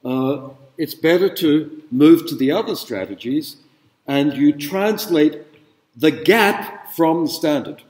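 A middle-aged university lecturer addresses students in a large, echoey hall, standing away from the mic so his voice booms with long reverb. He's conversational and expressive, speaking slowly in a mellow, somewhat high tone, posing rhetorical questions and filling his speech with fillers.

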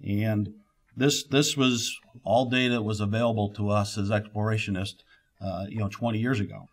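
A middle-aged man speaks at a conference podium into its microphone, with a slightly low voice. He is a geologist delivering a keynote, and he talks haltingly, full of "uh" fillers and restarted phrases. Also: fairly even intonation.

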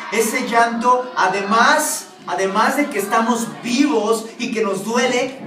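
High-voiced pastor preaching, keeps asking the crowd stuff, echoey and far off. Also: male voice. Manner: asks the congregation frequent questions. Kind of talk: sermon. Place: church hall. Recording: echoey room from far off, noisy.

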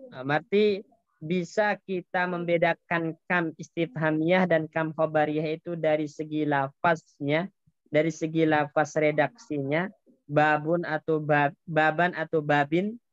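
A man's voice: on the high side, steady tone, measured pace, smooth, dry recording, lo-fi sound. A man teaching an Arabic grammar class, patiently explaining step by step and quizzing his students.

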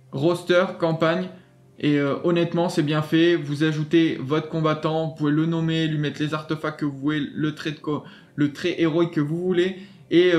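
A man hosting a gaming channel, walking through a website in a chatty, enthusiastic way with many fillers and restarts. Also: a little high. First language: French. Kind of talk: casual screen walkthrough.

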